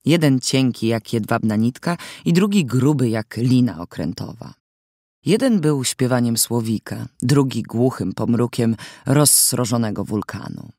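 A man's voice: mid-range voice, lively intonation, a little slow, a little mellow, no room sound. A man narrating an audiobook in the first person, in a wry, mock-solemn storytelling manner, recorded in a studio.

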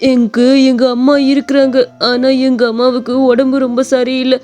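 A woman's voice: high-pitched, little pitch movement, moderate pace, a little mellow, faint music behind, natural voice. A woman voicing a poor, hungry young boy who speaks in a pleading, grateful, tearful way.

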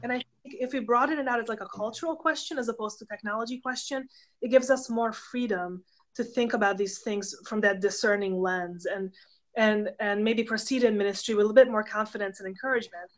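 Her mid-range voice is brisk: a Hungarian woman in her thirties with a Hungarian accent, guesting in a laid-back interview as a professor of pastoral theology. She gives thoughtful, example-laden explanations over a webcam video call from her home office.

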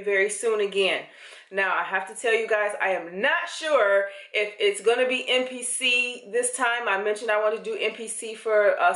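A woman's voice: mid-range voice, a bit bright, reverberant. A young woman talking casually to camera in her home kitchen, chatting loosely with lots of fillers. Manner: chatty, rambling, with many fillers. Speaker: fitness vlogger. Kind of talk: casual vlog chat. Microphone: camera held close.

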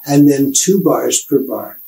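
Slow, measured older man lecturing. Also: mid-range voice, lively intonation, warm tone, rough recording. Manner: measured, explanatory, unhurried. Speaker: piano professor. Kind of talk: music lecture.

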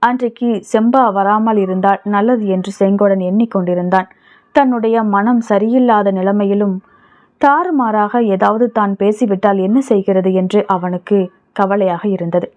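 A woman narrating a novel as an audiobook reader, in steady storytelling. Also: medium pitch, moderate pace. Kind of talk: scripted narration. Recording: tinny phone-like audio.

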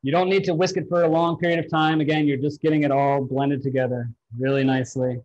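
A man in his thirties, a fast talker with a slightly high, steady, a little mellow voice, leads a live cooking demo in a big indoor home-style kitchen, guiding viewers through each step. The far camera gives dull lo-fi livestream audio with slight background noise.

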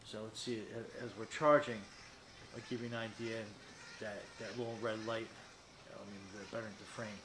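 In a lowish voice with flat delivery at normal speed, a product reviewer in his fifties demonstrates something casually and off the cuff. He sits at a desk in a small metal-walled indoor studio, thinking out loud and rambling a little. The recording picks up room echo and faint noise.

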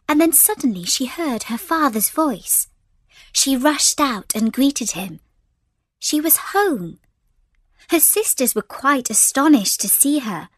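A woman narrating a fairy tale for children in a gentle, expressive storybook reading. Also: high voice, no echo.

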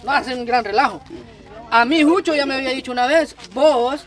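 A man's voice: extremely high pitch, brisk, a bit bright, recorded from a distance. A young man playing a nosy workmate in a comedy sketch, eagerly telling a story full of gossip. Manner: gossipy, blurts repeated yeses.

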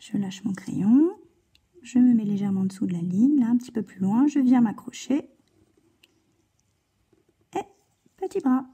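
A woman's voice: a little high, animated, mellow, husky. A woman teaching a handwriting lesson to a child, guiding patiently step by step. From France. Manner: slow, patient step-by-step guidance, addressing a child.

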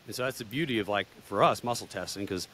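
A man's voice: fairly low pitch, fast, a bit bright. Man, casual emphatic talker, faint background hiss. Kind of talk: casual interview chat.

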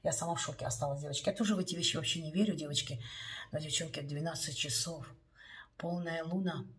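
A woman vlogger tells a story to her viewers in a confiding, chatty manner and keeps calling them "girls". Her voice sits on the low side, and she is caught from some distance off the mic. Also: steady tone, fast talker.

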